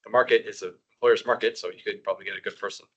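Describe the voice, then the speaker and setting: A man's voice: lowish voice, fairly even intonation, rapid-fire, breathy edge, highs cut off. A man on a housing commission talking through budget priorities at a public meeting, rambling with many fillers and restarts.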